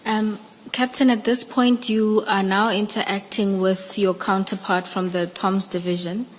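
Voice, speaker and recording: Even-toned South African woman questioning a witness. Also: medium pitch, measured pace. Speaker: evidence leader questioning a witness. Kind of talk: formal questioning at a commission hearing. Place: large indoor hearing room. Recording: echoey hearing room, background noise.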